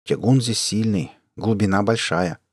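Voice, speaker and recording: A man's voice: lowish voice, a little slow, no echo, studio quality. A man voicing a worried young husband and father, a settler heading to mine work, speaking plainly and tenderly. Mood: quiet worried.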